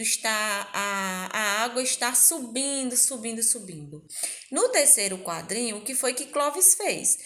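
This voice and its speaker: Brazilian woman, primary teacher, fairly high voice, gentle and patient with young kids. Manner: gentle, uses diminutives and rhetorical questions. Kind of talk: recorded lesson for young children.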